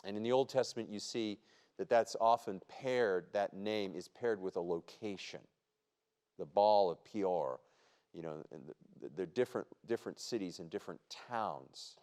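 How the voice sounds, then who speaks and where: A man's voice: lowish voice, moderate pace, darkish tone. A man, a pastor, leading a Bible study in a conversational way and putting questions to his group. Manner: conversational, asks the group questions, many restarts. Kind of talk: teaching Bible study talk.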